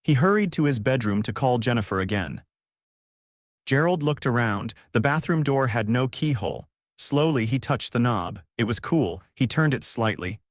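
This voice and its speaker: Male author-narrator, mid-pitched, dry close sound, steady storybook read. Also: normal speed, dry recording. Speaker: author reading his story.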